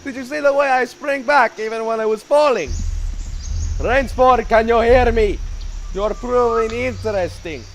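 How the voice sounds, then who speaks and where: A man's voice: extremely high pitch, normal speed, a bit bright. A man acting in a radio play as an urbane, gloating aristocratic general who hunts men, theatrical and condescending in manner. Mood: gloating, amused. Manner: theatrical, condescendingly congratulatory, chuckling. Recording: noisy, with night insects behind.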